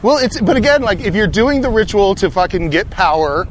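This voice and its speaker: Brief: man, 50s, high voice, profane and chatty, outdoors with faint street noise. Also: expressive, a little fast, poor audio. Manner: profane, laughing, enthusiastic. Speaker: podcast host. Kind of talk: casual chat while walking outdoors.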